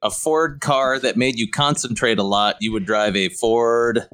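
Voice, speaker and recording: A man's voice: medium pitch, unhurried, clear, resonant tone. A middle-aged man co-hosting a podcast, telling funny stories in casual chat and acting out the voices of people he quotes. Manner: animated storyteller, acts out quoted voices. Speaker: podcast co-host.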